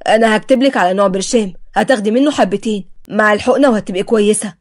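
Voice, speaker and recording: A woman voicing a shy, frightened young male doctor who speaks softly and timidly in a storybook reading. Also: medium pitch, rapid-fire, lightly acted. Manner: soft, timid.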